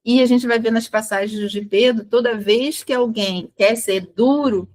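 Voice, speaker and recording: A woman leads a spiritual study. Her voice sits a little high, and she retells scripture earnestly, acting out the dialogue and often restarting her words. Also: a little slow, darkish tone. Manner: earnest storytelling, voicing quotes with restarts. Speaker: study group speaker.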